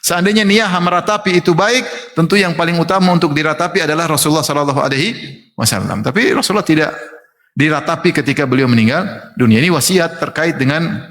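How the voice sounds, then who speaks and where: A male Islamic preacher giving a sermon, who recites Arabic passages slowly and then explains them in a lively, conversational way. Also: on the high side. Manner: lively, mimics wailing mourners in quoted asides. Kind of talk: sermon lecture. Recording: long hall reverb.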